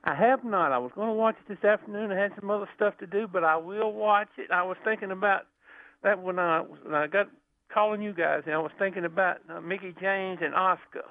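A man's voice: sits high, a little fast. A man calling in to a radio show over a phone line, chatting casually in a rambling, enthusiastic way with frequent restarts. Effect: caller heard over a phone line. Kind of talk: casual chat.

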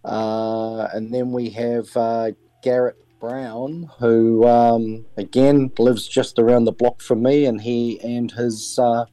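The audio is poor and dry, but his warm, medium-pitched voice comes through in a flat delivery, slow yet with hardly any pauses. He is a middle-aged New Zealand sailing skipper with a New Zealand accent, answering on-air interview questions with frequent ums and restarts.

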